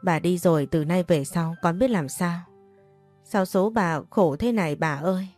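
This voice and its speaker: A woman's voice: on the low side, measured pace, darkish tone, dry recording, soft background music, natural voice. A woman narrating a story, voicing a young servant girl lamenting her dead mistress. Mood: wailing. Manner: sobbing lament.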